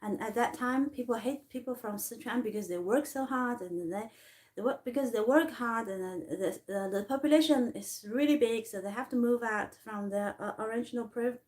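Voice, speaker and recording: A woman with a Chinese accent, a non-native English speaker, telling her life story in a personal vlog, halting and full of fillers and restarts. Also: on the high side, a little mellow. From China. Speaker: artist vlogger.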